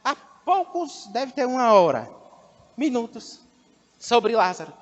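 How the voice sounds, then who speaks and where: Brief: Brazilian male pastor, very high voice, fiery sermon delivery, church hall with long echo. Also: sing-song, measured pace, lo-fi sound. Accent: Brazilian Portuguese. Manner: impassioned preaching, builds to shouts.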